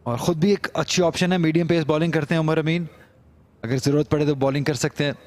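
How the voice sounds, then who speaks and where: A man's voice: a little high, fairly even intonation, fast, a little mellow. A Pakistani man giving live cricket commentary, analysing play and praising shots appreciatively.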